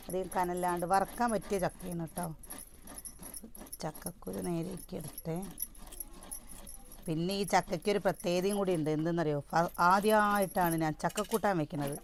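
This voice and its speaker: A woman's voice: mid-range voice, a little mellow, slight background noise. A woman chatting casually to viewers in a home cooking vlog, talking through a sore throat. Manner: chatty, addresses viewers directly. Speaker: cooking vlogger.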